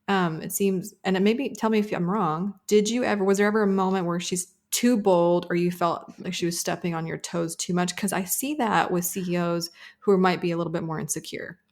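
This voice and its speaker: Encouraging woman host, lowish voice. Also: steady tone, a little mellow. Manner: encouraging, drawn-out emphasis, frequent affirming hums. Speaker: podcast host, business coach. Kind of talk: casual conversational interview.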